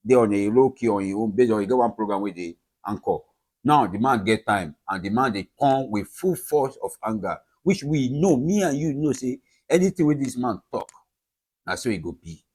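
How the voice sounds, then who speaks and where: A man's voice: medium pitch, a little mellow. Nigerian man giving commentary in Pidgin. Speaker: online commentator. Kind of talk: commentary in West African Pidgin.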